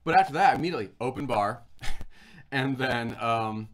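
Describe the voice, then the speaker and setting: A man's voice: medium pitch, lively intonation, moderate pace, crowd noise. A man hosting a casual livestream chat, rambling and talking while he eats. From Florida. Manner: rambling, chatty, talks while eating. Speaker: show host.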